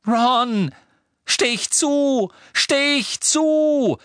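A man voicing a desperate teenage boy hero, shouting urgent orders. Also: very high voice, extremely slow, clear, resonant tone, dry recording, studio quality, voice pushed up, heavily acted.

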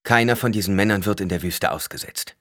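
A man voicing a blinded young ruler who speaks in a calm, measured, authoritative way. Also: lowish voice, dry recording, studio quality, lightly acted. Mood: firm.

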